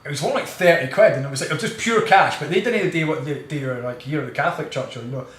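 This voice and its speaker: Excitable podcast co-host, rattling through a travel story in an echoey room. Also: male voice, fairly high pitch, fast talker. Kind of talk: casual chat, storytelling.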